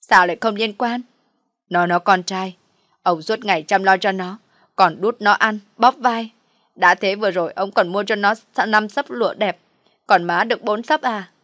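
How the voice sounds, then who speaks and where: A weepy, jealous older wife whining out her grievances in loud bursts, as a woman puts her on. The sound is dry and close, with no room behind it. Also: mid-range voice, fairly even intonation, fast talker, few pauses, no room sound, natural voice. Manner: tearful, whining complaints.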